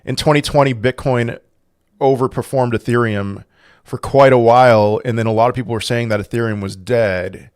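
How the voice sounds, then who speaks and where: Reading chat questions off his casual crypto livestream, the man from Portugal answers them in a rambling way, frequently starting over. Through his desk microphone, his medium-pitched voice sounds steady, darkish and clean, at a moderate pace.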